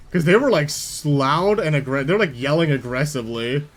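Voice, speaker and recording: A man's voice: a little high, normal speed. A man telling a casual story, rambling, packing his speech with "like" and swearing freely. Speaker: VTuber telling a work story.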